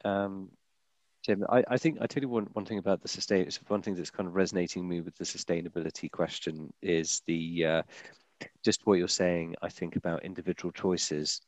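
A man co-hosting a podcast who speaks in a halting, hesitant way. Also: sits low, steady tone, a little mellow, no room sound. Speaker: podcast co-host. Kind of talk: casual podcast chat.

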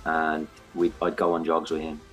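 Man, 30s, very low voice, blunt storyteller who curses casually; soft music underneath. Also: completely flat delivery, moderate pace, rough recording. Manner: frank, blunt, swears freely. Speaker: guest sharing recovery story. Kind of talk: candid podcast conversation.

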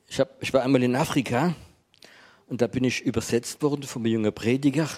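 A male preacher delivers a sermon in a mild, talkative manner. His voice has a slightly husky grain and sits at an ordinary pitch. He keeps drawing his listeners in with small questions. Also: quick pace. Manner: gentle, conversational preaching with rhetorical questions. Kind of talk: sermon to a congregation.

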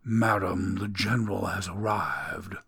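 A man voicing a somber, formal butler who speaks low and hushed. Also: fairly even intonation, measured pace, creaky, slightly rough, heavily acted.

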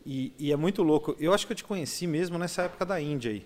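A man's voice: on the high side, fast, darkish tone. A man with a Brazilian Portuguese accent, hosting a podcast and chatting with his guest in a friendly, conversational way. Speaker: podcast host. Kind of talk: casual podcast interview.

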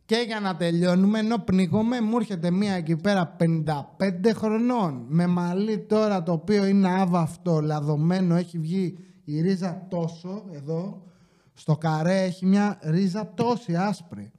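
A young man with a high, mellow voice tells stories from his job on a casual podcast. He talks in rapid, animated bursts, mimics customers, and curses in exasperation. His tone is relaxed and soft-edged, never sharp, while he barely stops for breath. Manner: exasperated, swears. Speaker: podcast host. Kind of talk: casual chat, telling workplace stories. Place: indoor podcast set.

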